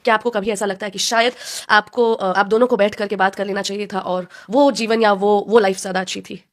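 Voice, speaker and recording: A woman hosting a podcast, asking her guest gentle, personal questions. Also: mid-range voice, fairly even intonation, fairly quick. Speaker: podcast host. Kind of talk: interviewing a guest.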